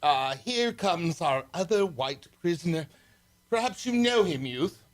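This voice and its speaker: Imperious radio-serial prince, played by a man: high voice, theatrical orders, cold menace. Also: expressive, measured pace. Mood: menacing. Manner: commanding, theatrical. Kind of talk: old adventure serial radio acting.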